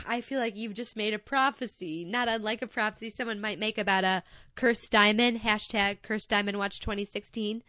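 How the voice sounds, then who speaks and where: A young woman with a Midwestern accent, co-hosting a show and recapping an episode in casual, wry, animated chat. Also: mid-range voice, moderate pace, no echo, clean studio sound. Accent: Midwestern American. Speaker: podcast co-host.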